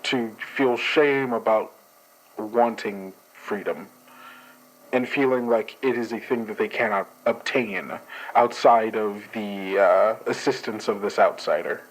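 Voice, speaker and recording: The audio is poor, and the man's voice sits on the low side as he talks at a slow pace. In an actual play, he reports in character as a formal, guarded dream investigator, hesitating and using stiff bureaucratic phrasing.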